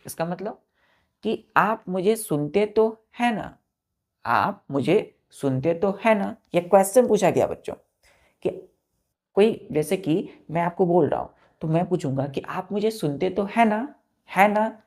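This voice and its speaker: A man teaches an English vocabulary lesson at an unhurried pace. He spells every word out letter by letter and keeps checking that his students have understood. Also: sits high, animated, darkish tone. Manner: spells words letter by letter and keeps asking if it is clear.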